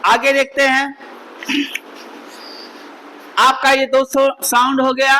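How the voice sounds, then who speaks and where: A man's voice: very high voice, monotone, takes it slowly, pushed and bright, rough recording. A male teacher, giving a spelling lesson and drilling the class with repeated questions and answers.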